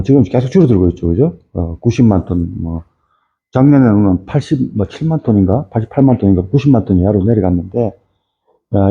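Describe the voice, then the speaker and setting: A man's voice: on the low side, dark tone. A middle-aged man giving an informal lecture on fisheries, rambling with many fillers and tag questions. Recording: tinny phone-like audio.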